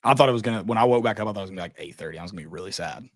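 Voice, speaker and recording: A man with a lowish voice co-hosts a podcast, talking rapid-fire and casually about college football in a blunt, joking way. There's no echo on the recording.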